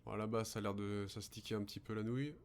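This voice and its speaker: A man's voice: fairly low pitch, fast talker. A man commentating a horror game as a scared streamer, swearing and muttering to himself. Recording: steady background noise with hum.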